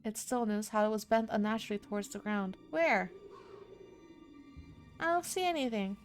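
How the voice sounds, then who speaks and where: Reading a horror visual novel aloud on stream, a woman delivers the lines dramatically and breaks in with spontaneous comments. She's expressive at a moderate pace in a medium-pitched voice, over game music.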